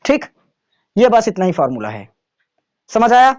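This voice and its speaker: A man's voice: high-pitched, wildly swooping pitch, unhurried, highs cut off. A man teaching a maths lesson to students in a classroom, in a casual way, often checking whether they have understood.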